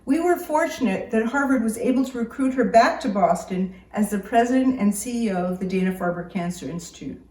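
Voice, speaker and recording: Woman, academic introducer, formal measured podium speech; mid pitch, roomy sound, off-mic. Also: expressive, warm tone. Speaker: academic introducing a keynote speaker. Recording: roomy echo, distant microphone.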